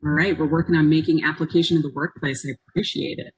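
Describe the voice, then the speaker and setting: A woman's voice: low voice, fairly even intonation, fast, husky, poor audio. A woman presenting an interactive webinar in an encouraging, reflective manner, inviting people to take part. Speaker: workshop presenter. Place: online conference call.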